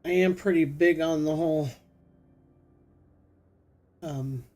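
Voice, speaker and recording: Mellow middle-aged man rambling about his game. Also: a little high, fairly even intonation, slow. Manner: rambling, thinking aloud with fillers. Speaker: gaming streamer. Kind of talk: casual gameplay commentary.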